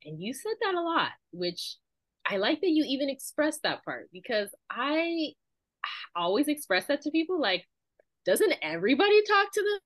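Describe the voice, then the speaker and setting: A woman hosting a podcast interview in casual chat, reflective and animated when she quotes herself, and a mother herself. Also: high voice, normal speed, no room sound. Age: adult with children. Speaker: podcast host.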